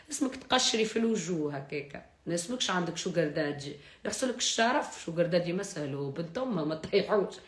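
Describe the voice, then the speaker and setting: A woman with a Tunisian accent chatting on a live stream, joking and mocking, and laughing often. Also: on the low side. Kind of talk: casual live-stream chat. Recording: roomy echo.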